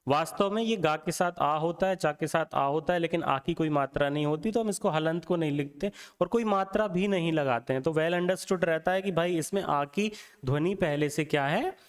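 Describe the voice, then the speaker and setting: A man giving an exam-prep grammar lecture, explaining slowly and sounding out letters one at a time while asking and answering his own questions. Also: a little high, clear, resonant tone, in a large hall. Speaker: teacher.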